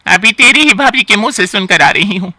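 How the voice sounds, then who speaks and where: A man voicing a sharp-tongued, bossy elderly aunt-in-law in a storybook tale, scolding and sighing complaints. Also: sits high, animated, fairly quick, dry recording, full character voice. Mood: scheming. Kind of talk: storybook character acting.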